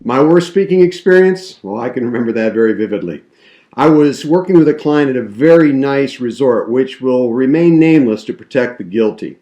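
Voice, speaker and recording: Male speaker, measured wry anecdote, warm dark tone, echoey room. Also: medium pitch, animated. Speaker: professional speaker. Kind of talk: story told to camera. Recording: roomy echo.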